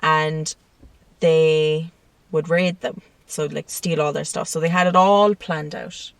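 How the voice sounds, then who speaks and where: A woman's voice: deep voice, steady tone, slow pace, dry recording, recorded from a distance. A woman co-hosting a casual true-crime podcast, telling the story with frequent laughs and swearing. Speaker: podcast co-host. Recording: dry sound, set back from the mic.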